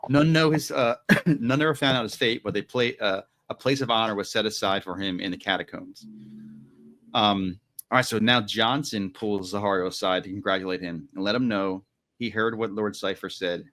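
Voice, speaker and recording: A man with a lowish, slightly bright voice co-hosts a podcast and recaps a book. His chat is casual and rambling, with frequent "like"s and "you know"s and quick acted quotes.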